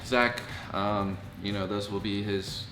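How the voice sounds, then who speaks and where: A young man hosting a casual Q&A with his housemates, talking loudly and with lots of laughter. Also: on the low side, slow pace, music in the background. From grew up in Houston. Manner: loud, animated, laughing. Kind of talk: casual group chat. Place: house room with friends. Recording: echoey room, faint noise.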